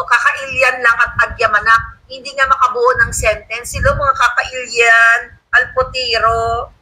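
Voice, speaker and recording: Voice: medium pitch, bright, forceful tone, breathy edge, low-quality recording. A livestream host giving scornful, combative political commentary and reading viewer comments aloud. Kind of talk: casual live commentary. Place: home studio.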